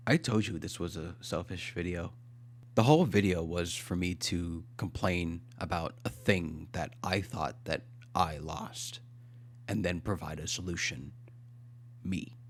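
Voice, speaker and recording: Lower-voiced man in a comic vlog. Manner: animated comic skit delivery, shouting out names; quiet reflective confession. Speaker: YouTuber. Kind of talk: comedic vlog monologue.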